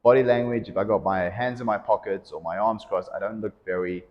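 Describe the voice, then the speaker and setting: Man, low voice, casual coaching chat, projects his voice, echoey room. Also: fairly even intonation, fairly quick. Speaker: CrossFit coach. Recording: lo-fi audio in reverberant room.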